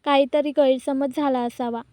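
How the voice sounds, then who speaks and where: A woman voicing a panicky male bank manager who pleads, in her own high, dry voice. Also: steady tone, moderate pace, warm tone, dry recording, lightly acted. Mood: pleading. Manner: retold in the narrator's own voice.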